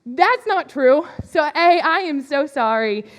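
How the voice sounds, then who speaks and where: A young woman giving a youth ministry talk, telling a personal story in a chatty, animated way. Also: high-pitched, slow pace. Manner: chatty, animated, laughs often. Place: church hall. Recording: reverberant hall.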